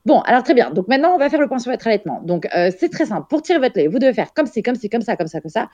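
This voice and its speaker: A woman mimicking a strict, bossy female hospital staffer who scolds and lectures in a shrill voice. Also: very animated, rapid-fire, darkish tone, no room sound, dull audio. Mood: scolding.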